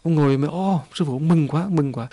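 A man giving a Buddhist dharma talk, telling a teaching story in a halting, repetitive way. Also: fairly high pitch, dark tone.

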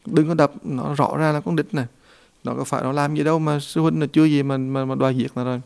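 A man voicing a soft-hearted male pig disciple who begs and frets in a raised voice. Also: fairly high pitch, fairly even intonation, fast, gravelly, clean tone. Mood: pleading. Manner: begging, fretful.

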